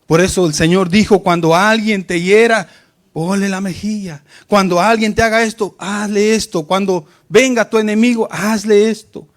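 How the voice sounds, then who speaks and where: A man's voice: sits high, fairly even intonation, moderate pace. A man preaching a sermon to his congregation, rising and falling for emphasis and often calling out to his listeners as brothers.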